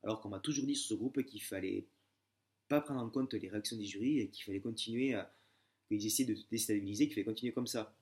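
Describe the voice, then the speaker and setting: A man's voice: lowish voice, quick pace, a little mellow. A young man talking casually in a vlog, telling stories full of fillers and restarts. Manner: hesitant, many fillers and restarts; chatty, familiar storytelling. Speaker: exam candidate sharing his method.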